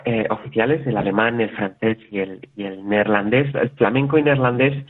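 A man from Spain talks in a relaxed, chatty way, often restarting his sentences and acting out little exchanges. His voice sits on the low side. The sound is thin and tinny, like a phone call. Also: moderate pace. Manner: chatty, with frequent restarts and quoted dialogue. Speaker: interview guest. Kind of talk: casual interview talk.

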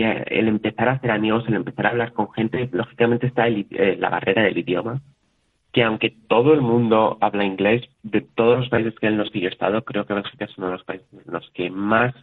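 A man from Spain talks in a relaxed, chatty way, often restarting his sentences and acting out little exchanges. His voice sits on the low side. The sound is thin and tinny, like a phone call. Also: fairly quick. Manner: chatty, with frequent restarts and quoted dialogue. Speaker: interview guest. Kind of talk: casual interview talk.

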